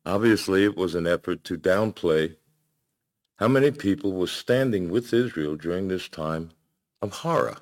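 A man delivers a sermon in a deep, low voice. He speaks in measured, emphatic phrases and pauses between his points. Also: expressive. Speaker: pastor.

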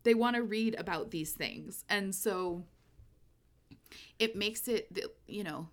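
A woman co-hosting a podcast, chatting casually about books in an animated way and laughing often. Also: medium pitch, slow. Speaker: podcast co-host. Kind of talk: casual book discussion.

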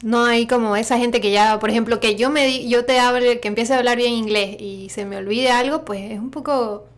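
A woman's voice: fairly high pitch, fairly even intonation, brisk. Chatty Bolivian woman from Santa Cruz. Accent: Bolivian, from Santa Cruz, with some Argentine (voseo). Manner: chatty, laughs often, quotes herself. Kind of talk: casual chat.

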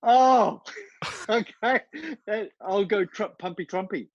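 A man's voice: sits high, takes it slowly, dry recording. Man, podcast guest, good-humoured and laughing, dull lo-fi line, dry sound. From New Zealand, raised in Australia. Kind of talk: casual interview chat.

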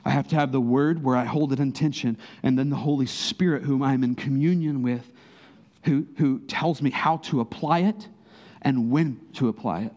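A man preaching a sermon as pastor, talking conversationally, rising in bursts of emphasis and dropping to a soft near-whisper in prayerful moments. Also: medium pitch, moderate pace, lo-fi sound.

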